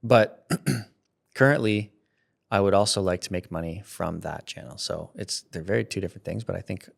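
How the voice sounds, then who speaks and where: This content creator, a man in his 30s, has a deep, creaky voice and talks at an ordinary speed. As an interview guest he keeps things casual, wandering off and starting sentences over while laughing a lot into a studio microphone with headphones on.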